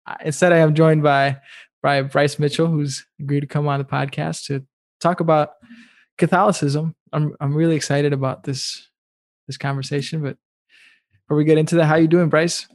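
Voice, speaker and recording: A man's voice: fairly high pitch, flat delivery, moderate pace. A young man from the Dominican Republic hosting a podcast in a casual, chatty way, laughing often and using lots of "like". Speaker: podcast host.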